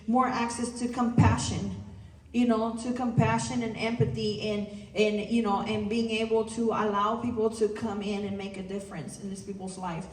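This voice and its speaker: A woman's voice: medium pitch, level tone, moderate pace, a little hiss or hum. Earnest woman speaker in echoey hall. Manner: earnest, many "you know" fillers. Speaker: guest speaker. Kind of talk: public talk and Q&A. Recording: roomy distant live recording.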